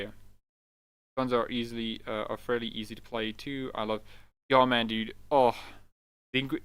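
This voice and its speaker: A man hosting a casual live stream about games, excitable, swearing often and calling everyone dude. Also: mid-range voice, no room sound. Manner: excitable, swears a lot, keeps saying "dude". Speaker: livestream host.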